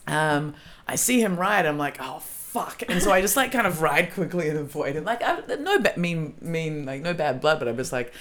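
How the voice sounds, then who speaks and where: Australian woman, low pitch, casual podcast chat, animated storytelling, acts out quotes. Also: fairly quick. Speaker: comedian guest.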